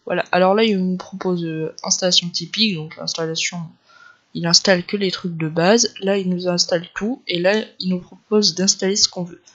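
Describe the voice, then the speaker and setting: A man's voice: high voice, steady tone, normal speed, a bit bright. Ch'ti-accented man, dull lo-fi tutorial. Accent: Northern French (ch'ti). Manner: informal, loose step-by-step explaining. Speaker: tech tutorial creator. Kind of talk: casual screen-recorded tutorial narration. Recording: dull lo-fi home recording.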